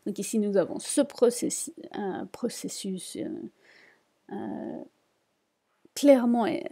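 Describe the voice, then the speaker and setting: A woman's voice: medium pitch, darkish tone, slightly rough. A woman teaching a reading lesson, patiently repeating each word and explaining it. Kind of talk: slow spoken lesson.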